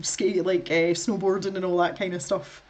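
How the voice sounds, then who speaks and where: A woman's voice: on the low side, flat delivery, moderate pace, a little mellow. A middle-aged woman with a Scottish accent chatting casually to viewers while she colours, rambling and laughing often. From Scotland. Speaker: art streamer.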